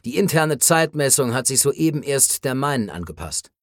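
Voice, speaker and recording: A man reading an audiobook voices a calm, formal alien who speaks in measured, analytical sentences. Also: mid-range voice, dry recording, clean studio sound.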